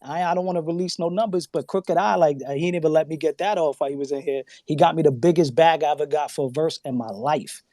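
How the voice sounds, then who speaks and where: A man chats on a podcast, slightly higher than most men, and tells stories with animated energy, slipping into quoted voices. He swears freely and laughs often. The sound is dry and close. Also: quick pace, hardly any pauses, no echo. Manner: profane, emphatic. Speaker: guest on a podcast. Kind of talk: casual podcast chat.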